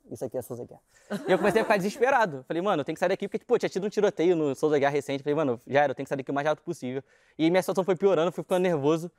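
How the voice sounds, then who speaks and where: A young man with a Rio de Janeiro accent tells his story at a quick clip, his high voice bouncing all over with laughter. He talks in a slangy, animated way, and the studio sound is close and dry. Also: dry recording. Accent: Rio de Janeiro Portuguese. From Brazil. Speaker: guest. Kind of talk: casual storytelling.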